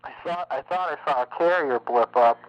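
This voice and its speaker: A man talks in a relaxed way over a CB link, his voice a little mistuned and off frequency. The sound is muffled and lo-fi. A faint hum sits under it. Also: a little high, normal speed. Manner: relaxed, swears in passing. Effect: slightly mistuned radio sound, off frequency. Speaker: CB radio operator. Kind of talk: casual on-air radio chat. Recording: dull lo-fi radio with faint hum.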